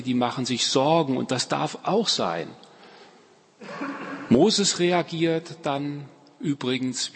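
A man's voice: medium pitch, breathy edge, long reverb tail. A man preaching a farewell sermon as pastor, emphatic and given to repeating key phrases.

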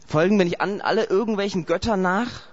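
Man, from Saarland, preacher, sermon, rhetorical questions, slightly high voice, dull lo-fi recording. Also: fairly quick. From Saarland, Germany. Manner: lively storytelling with rhetorical questions.

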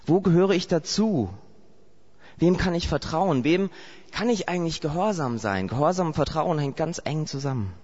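Man, from Saarland, preacher, sermon, rhetorical questions, slightly high voice, dull lo-fi recording. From Saarland, Germany. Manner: lively storytelling with rhetorical questions.

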